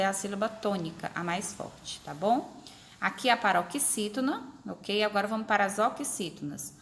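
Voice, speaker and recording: A woman teacher explaining a lesson to her pupils, repeating examples slowly and stretching syllables. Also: medium pitch, fairly bright tone, a little hiss or hum. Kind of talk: recorded remote class explanation.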